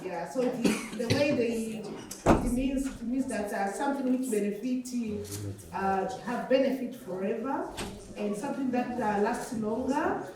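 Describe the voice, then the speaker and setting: A woman sharing in a conference group discussion, speaking slowly and haltingly as she explains a word. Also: a little high. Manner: slow, halting, spelling words out. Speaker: conference participant. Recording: echoey hall with crowd, far from mic.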